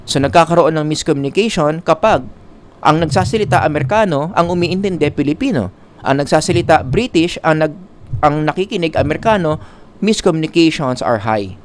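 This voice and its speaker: A man with a slightly higher voice delivers a classroom psychology lecture. He slips in jokes and English asides as he goes. Faint noise sits under the recording. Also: lively intonation, a little fast. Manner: joking asides, mixing in English.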